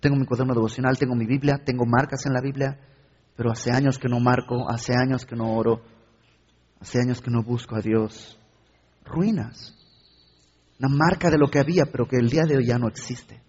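A man's voice: medium pitch, fairly even intonation, moderate pace, darkish tone, breathy edge. A male preacher giving a sermon and asking the listener direct questions. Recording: dull recording in an echoey hall.

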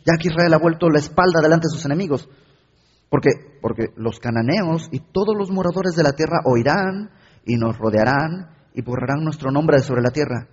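A man's voice: a little high, normal speed, slightly rough. A man acting out an anguished ancient male leader who pleads with God and cries out in protest. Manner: pleading, exclaiming. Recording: dull recording in an echoey hall.

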